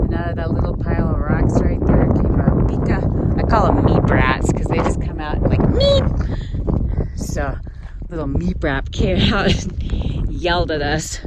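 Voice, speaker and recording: A woman vlogging on a high mountain trail, wry and exclamatory, cheerfully complaining and swearing casually, filmed on a handheld camera outdoors. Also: muffled recording. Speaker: long-distance hiker vlogging the trail. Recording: loud wind noise, outdoors.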